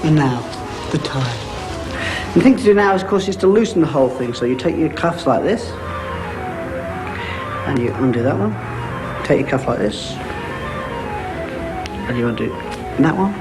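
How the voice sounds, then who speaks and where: A man's voice: a little high, animated, moderate pace, pauses often. A man presenting a children's magic show in a theatrical showman's way, repeating words for emphasis. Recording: loud music and crowd noise.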